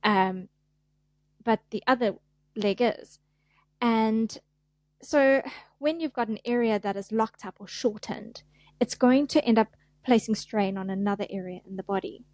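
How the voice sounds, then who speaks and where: Speaking a little slowly in a medium-pitched, slightly mellow voice with no echo, a middle-aged South African woman guests on a casual podcast. She's a fascia therapist, chatty and self-deprecating, who acts out little voices.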